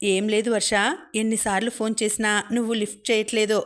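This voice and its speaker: A woman's voice: medium pitch, level tone, fast, natural voice. A woman reading the lines of a jealous, possessive young man who sneers and threatens, in a spoken storybook. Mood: menacing.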